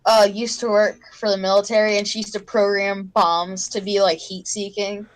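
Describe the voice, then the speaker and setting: A woman's voice: medium pitch, level tone, normal speed, poor audio. Young woman with dry interjections. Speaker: podcast co-host. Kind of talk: casual podcast chat.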